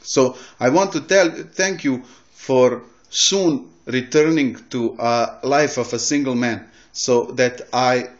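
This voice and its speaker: A man from Bosnia recording a good-humored video message, talking haltingly and searching for words. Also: medium pitch, dull audio. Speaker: video maker thanking a YouTuber.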